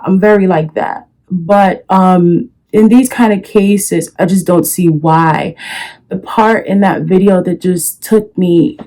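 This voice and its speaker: Slow-talking young woman beauty vlogger. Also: fairly low pitch, a little mellow. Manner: chatty, addresses viewers as girl and child. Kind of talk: casual makeup tutorial chat. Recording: faint music under voice. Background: faint background music.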